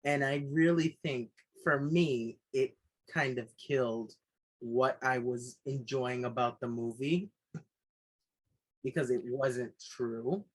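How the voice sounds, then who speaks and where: Husky man chatting about a film. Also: mid-range voice, slow, rough recording. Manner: animated, puts on voices when quoting himself. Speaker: podcast co-host, film reviewer. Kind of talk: casual film review chat.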